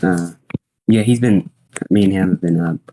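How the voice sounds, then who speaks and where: Man, weather-stream host; low, mellow voice, laid-back and plain-spoken. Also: normal speed, slight background noise, poor audio. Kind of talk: casual on-air chat.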